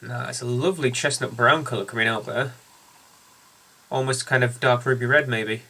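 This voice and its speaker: A man's voice: mid-range voice, fairly even intonation, moderate pace, vocal fry, bright, forceful tone. A man hosting a casual beer review, chatting and telling a story with lots of ums and uhs.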